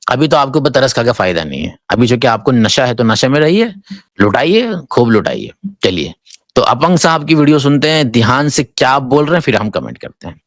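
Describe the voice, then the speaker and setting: A man delivers reaction commentary in a mocking, preachy register. His voice sits at a middle pitch and is recorded close and dry, with no room sound. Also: sing-song, no echo. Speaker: Islamic cleric and online commentator.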